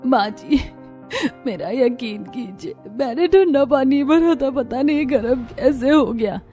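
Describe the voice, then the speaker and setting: A woman voicing a timid, tearful young daughter-in-law in a cartoon, pleading softly. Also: fairly high pitch, slow pace, faint music behind. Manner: pleading, soft.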